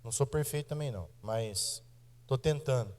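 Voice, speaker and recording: A man in his thirties with a Brazilian accent, preaching to his congregation as pastor, emphatic and direct, slowing down and speeding up for effect. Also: medium pitch, a little mellow. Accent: Brazilian Portuguese. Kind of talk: sermon. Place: church sanctuary. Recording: church hall reverb.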